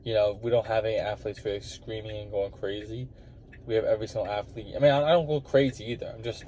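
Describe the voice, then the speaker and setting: A tired young man, a college wrestler, rambling casually to the camera with lots of fillers and restarts. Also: fairly low pitch. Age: young adult. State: tired from little sleep. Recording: dull lo-fi audio with loud outdoor noise.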